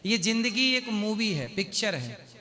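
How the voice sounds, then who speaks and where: A man speaking as a spiritual guru, counseling a married couple. He asks questions and slows down to recite couplets. His voice is high and bright, and it carries a long hall reverb. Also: very animated. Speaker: spiritual guru giving advice on stage. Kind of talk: devotional advice to a couple.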